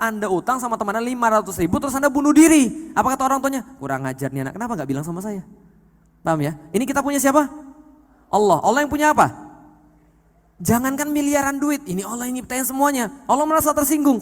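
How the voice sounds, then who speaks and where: Animated high-voiced male preacher. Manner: lively, swings from quiet to loud, keeps asking the audience if they understand. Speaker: Islamic preacher. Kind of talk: religious lecture to a live audience. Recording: long hall reverb.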